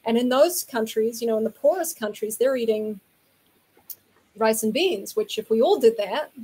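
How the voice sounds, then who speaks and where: New Zealand woman, interview guest, earnest and flowing, breathy and a touch high. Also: moderate pace, warm tone, rough recording. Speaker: guest from a vegan community. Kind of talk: casual interview talk.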